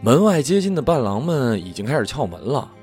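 Brief: male storyteller, wry and expressive, very animated delivery. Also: medium pitch, brisk, faint music behind. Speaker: narrator. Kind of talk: storytelling narration.

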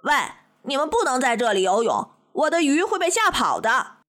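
A woman's voice: high voice, sing-song, moderate pace, fairly bright tone. Woman doing a smug scheming otter. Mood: sly. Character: sly, grumpy male otter angler. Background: music.

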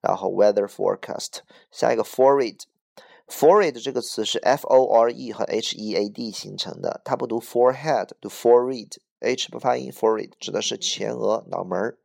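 Low, gravelly man teaching vocabulary. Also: normal speed, a little mellow. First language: Chinese. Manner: patient, explains each word in Chinese with examples. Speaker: English teacher. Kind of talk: vocabulary lesson.

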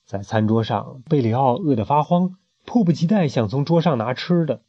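An animated man reads a storybook aloud to a child, his voice rising and falling with lots of drama. He throws in sound effects as he goes. The recording sounds muffled and lo-fi. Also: medium pitch, normal speed, slightly rough, dry recording. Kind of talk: reading a picture book aloud to a child.

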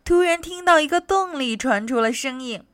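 A woman reading a children's picture book aloud in an expressive, playful way. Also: high-pitched, normal speed. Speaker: storyteller.

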